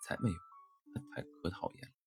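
A man voicing a shy, insecure male crow in a storybook tale, speaking softly and bashfully. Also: fairly quick, faint music behind, lightly acted. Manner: soft, bashful, self-doubting.

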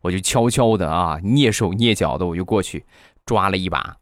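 A man's voice: low-pitched, moderate pace, no echo, clean studio sound. A man hosting a comedy show, telling comic anecdotes in a chatty storytelling manner.

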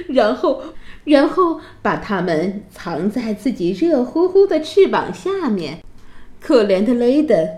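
Brief: woman narrator for a children's story, gentle and expressive, mellow tone, roomy echo. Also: fairly high pitch.

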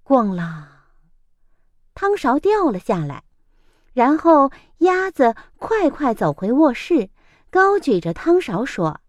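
A woman reads a children's picture book in a high, lively voice, taking it slowly and expressively. Her delivery is gently dramatic, and the close recording sounds dry. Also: no echo. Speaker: storyteller.

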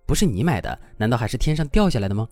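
A man's voice: medium pitch, big pitch swings, very fast, a little mellow, soft background music, lightly acted. A man voicing a young boyfriend who scolds his girlfriend in an exasperated tone. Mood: scolding.

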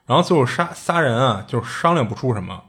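A man with a husky, slightly breathy voice tells a spooky anecdote in a relaxed, conversational way. He talks in a chatty, colloquial manner, doubling back on his words as he goes. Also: medium pitch, a little fast. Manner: chatty, colloquial, with frequent restarts and asides. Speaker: storyteller. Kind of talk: casual retelling of strange tales.

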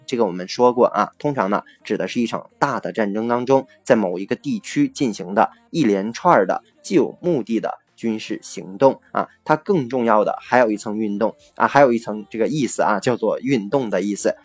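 Man, vocabulary teacher, lowish voice, dry close sound, spells words letter by letter. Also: no echo. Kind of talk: explanatory vocabulary lesson.

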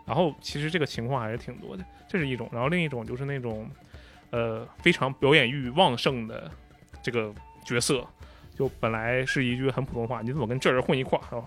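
A man's voice: mid-range voice, fast, a bit bright, faint music behind. A man in casual gaming chat, detailed and analytical, acting out line readings to make his point.

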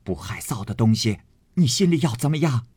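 Guy doing a fierce young maid, pitched up, husky and pleading, lively storybook voice. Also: unhurried, no echo, heavily acted. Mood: defiant. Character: young maid, passionate and defiant. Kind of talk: storytelling reading of a classic novel.

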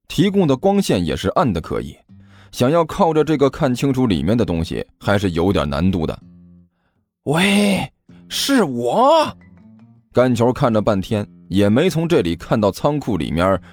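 A man narrating a comic audio drama in a lively storytelling manner. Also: medium pitch.

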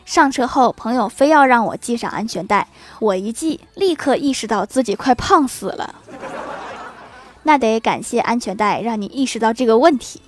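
A woman's voice: a little high, animated, moderate pace. A woman reading out a string of funny anecdotes, adding dry quips and chuckles after the punchlines.

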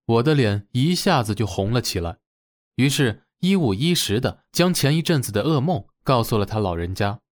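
A young man narrating a first-person audio drama and voicing its lead, with expressive delivery. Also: normal speed, no room sound, clean studio sound. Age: young adult. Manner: expressive, swinging pitch.

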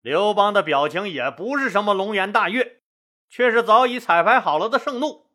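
Brief: male storyteller, high bright voice, folksy jokey asides. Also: normal speed. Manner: lively, joking, folksy asides. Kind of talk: colloquial history storytelling.

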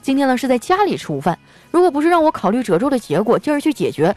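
A woman's voice: sits high, big pitch swings, quick pace, a little mellow, no echo, soft background music. A woman host, chatty and teasing, reading funny listener stories and laughing along as she tells them. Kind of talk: comic storytelling.

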